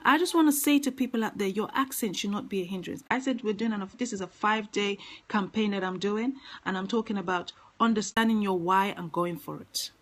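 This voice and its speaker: A woman's voice: medium pitch, brisk, hardly any pauses, low-quality recording. A woman giving an earnest motivational talk, speaking emphatically and repeating her key phrases.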